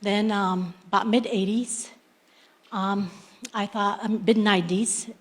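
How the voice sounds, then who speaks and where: This is a middle-aged woman from Iraq who tells her personal success story. She has a mid-pitched voice, speaks plainly and takes her time, and she often pauses on ums and starts her sentences again. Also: steady tone. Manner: unhurried, plain-spoken, many ums and restarts. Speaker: entrepreneur.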